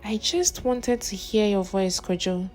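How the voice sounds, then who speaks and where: A woman voicing a gentle, self-sacrificing older sister who speaks softly and meekly, in a storybook narration. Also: mid-range voice, measured pace, faint music behind, close to an everyday voice. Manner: soft, meek.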